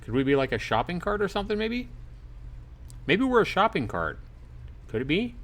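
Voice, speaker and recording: His voice is high-pitched and fairly bright, very animated but at a moderate pace. The livestreamer jokes informally with his viewers while reading a visual novel aloud and remarking on it.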